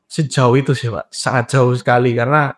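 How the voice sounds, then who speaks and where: A young adult man, a guest in a casual interview, explaining points lively and acting out dialogues with short laughs. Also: medium pitch, a little fast. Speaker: guest, graduate psychology student and trainer.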